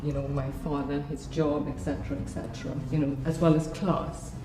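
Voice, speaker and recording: Speaking a little fast in a low voice with little pitch movement, a woman from Trinidad and Tobago in her fifties shares her own memories in a conversational gallery artist talk, frequently saying "you know." Her accent is Trinidadian, and the echoey room carries noticeable background noise.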